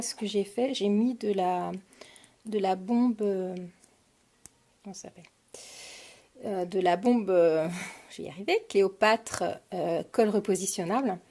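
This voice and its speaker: Casting: hesitant French woman, mid pitch, crafting haul vlog, faint noise behind. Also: warm tone. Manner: hesitant, many fillers, shows items to camera. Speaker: crafting vlogger. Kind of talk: casual product haul.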